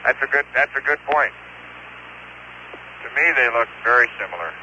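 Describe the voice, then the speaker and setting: A man describes rocks over a muffled radio channel, stopping and restarting as he thinks aloud. His voice sounds very bright and tense, with a faint hiss under it. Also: mid-range voice, expressive. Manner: halting and hesitant, many fillers and restarts. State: talking while eating. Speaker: field geologist reporting over radio.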